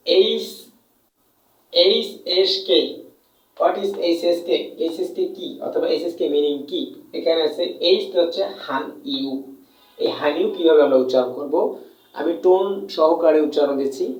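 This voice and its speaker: In a Bengali-language classroom, a Bangladeshi man teaches Chinese, repeating points, answering his own questions, and stretching sounds to show tones. His voice is on the high side and a little mellow, recorded at a distance in an echoey room.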